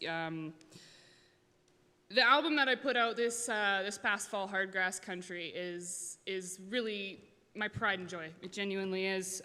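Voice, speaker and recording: A woman's voice: mid-range voice, pushed and bright, clean tone. A woman from Alberta giving an emotional acceptance speech on stage, thankful and hesitant with many fillers. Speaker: award winner. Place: large event hall stage. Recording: reverberant hall.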